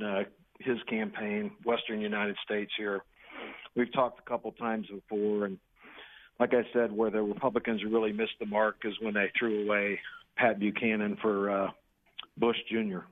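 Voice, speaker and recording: A man's voice: lowish voice, flat delivery, unhurried. A man in his sixties calling in to a talk radio show on a crackly phone line that fades in and out. He rambles and talks insistently, with many restarts. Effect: caller on a crackly phone line that fades in and out. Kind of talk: political call-in talk. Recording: tinny phone line, breaking up.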